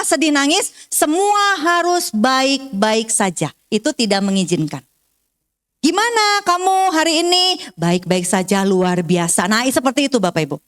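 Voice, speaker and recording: A woman counselor gives a seminar talk to parents in a high, bright voice. She explains patiently and acts out short parent and child exchanges. She guides breathing counts slowly and softly.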